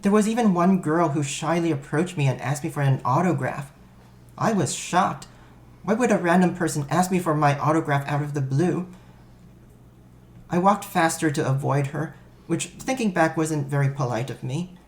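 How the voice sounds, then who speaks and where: A man's voice: fairly high pitch, moderate pace. A man reading a first-person story aloud, in a wry, self-mocking storytelling manner. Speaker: narrator.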